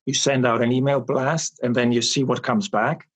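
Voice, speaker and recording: A man in his forties, from Austria, answering interview questions about his marketing work in a measured, explanatory way with frequent pauses. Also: medium pitch, level tone, fairly bright tone, breathy edge. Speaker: guest, marketing expert. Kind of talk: interview conversation.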